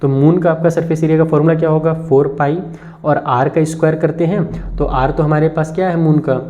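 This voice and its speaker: A man's voice: fairly high pitch, fairly even intonation, a little fast, warm tone. Patient man teaching maths, lo-fi. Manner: explains step by step, addressing students directly. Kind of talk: classroom math lesson. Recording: dull lo-fi recording.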